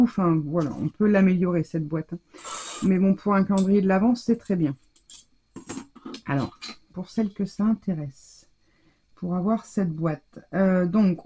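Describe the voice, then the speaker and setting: Chatty woman with a husky, warm voice. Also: mid-range voice. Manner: chatty, hesitant with many fillers. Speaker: crafting channel host. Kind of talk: casual craft tutorial.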